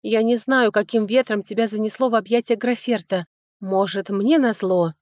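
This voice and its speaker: A woman's voice: mid-range voice, steady tone, darkish tone, no room sound, clean studio sound, close to an everyday voice. A woman reading an audiobook, voicing a sarcastic, touchy young noblewoman who mocks her older sister. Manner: mocking, biting, quick to snipe.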